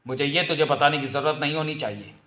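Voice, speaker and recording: Grim cold vigilante guy, slow menacing threats, kinda roomy echo a man doing him. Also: a little high, sharp tone, slight background noise.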